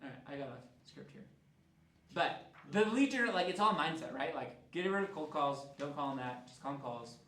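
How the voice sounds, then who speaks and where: A man's voice: a little high, animated, brisk, a bit bright. Chatty male real estate trainer. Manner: chatty, storytelling, heavy use of "like". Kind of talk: casual classroom training talk. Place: training room. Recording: roomy room, mic far off.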